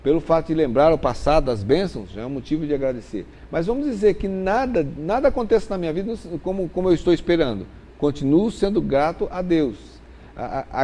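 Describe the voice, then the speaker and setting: A man's voice: on the high side, lively intonation, brisk, dark tone. A man, a pastor on a panel discussion about faith, speaking reflectively and acting out a grumbling believer.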